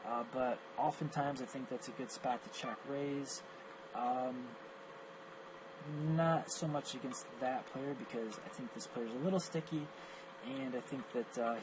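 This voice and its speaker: In this screen-recorded hand review, a poker coach breaks down his own match with a hoarse voice, having lost it from coughing. His mid-range voice carries analytical, self-critical thinking aloud, peppered with fillers, against some background noise.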